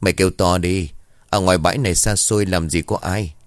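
A man voicing a coarse, drunk young village thug with a husky voice in a spoken story. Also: sits low, steady tone, fairly quick, dry recording, clean studio sound, natural voice. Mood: leering.

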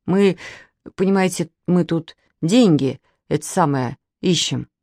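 A sullen young boy from a children's storybook, put on by a woman reader, mumbling reluctantly in a lowered, slow voice. The sound is dry and close. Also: warm tone, no echo.

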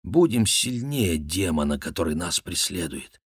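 Man playing a gentle lovestruck young noblewoman, soft lifted voice, dry close sound, audiobook figure. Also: deep voice, very animated, a little slow, slightly rough, no echo, full character voice. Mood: tender. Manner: soft, wistful, lightly raised voice. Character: tender young noblewoman in love, gentle and dreamy.

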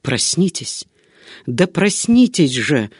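A man's voice: fairly high pitch, very animated, takes it slowly, husky, no echo, clean studio sound, exaggerated voice. A man reading the part of a middle-aged monk, curt and demanding, pressing with threats. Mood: menacing impatient.

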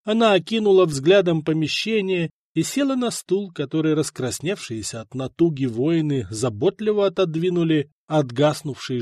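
A man narrates a historical story with dramatic, expressive delivery. His voice sits fairly high and moves widely in pitch. The recording is close and dry, with no room sound. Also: no room sound. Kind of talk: audiobook narration.

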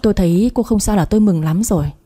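Woman narrating a story first person, mellow voice, bit breathy, steady. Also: mid-range voice, fast talker.

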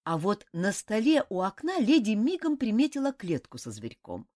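A woman narrating a fantasy audiobook in an expressive, animated reading. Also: mid-range voice, moderate pace. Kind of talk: scripted narration of a fantasy novel.

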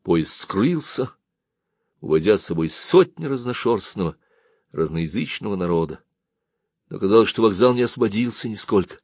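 A man narrating a story aloud in an expressive, measured reading. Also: fairly low pitch, slightly rough, no echo, clean studio sound. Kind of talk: audiobook reading.

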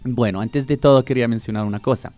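A Palestinian man whose first language is Arabic speaks quickly at a medium pitch with a darkish tone, soft music behind him. As a teacher guesting on a radio interview, he patiently explains greetings and repeats each word for emphasis.

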